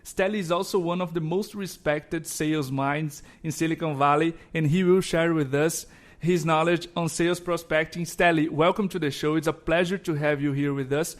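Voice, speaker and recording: A man from Brazil hosting a sales podcast, friendly and slightly halting, laughing often. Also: fairly high pitch, steady tone. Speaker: podcast host. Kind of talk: podcast interview.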